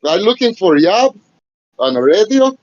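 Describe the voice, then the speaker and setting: A man doing a high accented prank caller on a dull phone line. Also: big pitch swings, a little slow, a crowd in the background. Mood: insistent. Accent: put-on Mexican Spanish accent. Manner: broken English, cursing in Spanish, high nasal put-on voice. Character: adult male phone caller with a put-on Mexican accent, pushy job seeker.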